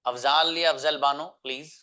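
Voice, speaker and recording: A man's voice: a little high, steady tone, normal speed, bright, forceful tone. A man, teaching an online class. He explains patiently and repeats himself, asking his students question after question. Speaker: English teacher.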